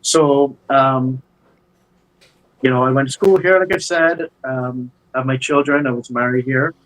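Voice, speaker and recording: A man's voice: mid-range voice, unhurried, rough recording. Man, 40s, interview guest, hesitant storytelling, video call. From Barbados. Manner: warm storytelling, many hesitations and fillers. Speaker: guest, business owner. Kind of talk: casual interview conversation.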